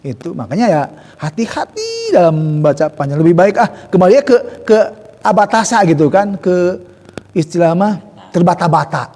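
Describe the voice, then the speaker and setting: A man teaching Quran recitation. He explains in slow, drawn-out speech, says "gitu kan" often, and sounds out verses syllable by syllable. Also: sits high, very animated, a little mellow. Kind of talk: tajwid lesson with recited examples. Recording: reverberant hall.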